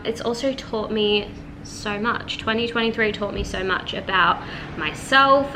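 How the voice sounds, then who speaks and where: A young woman in her twenties talks to her camera at home in a relaxed, chatty vlog, leaning on "like" as she goes. Her voice sits at an ordinary middle pitch. A clear hum of room ambience runs under the recording. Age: 20s. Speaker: vlogger. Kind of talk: casual vlog chat. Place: at home, indoors. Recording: noticeable room ambience noise.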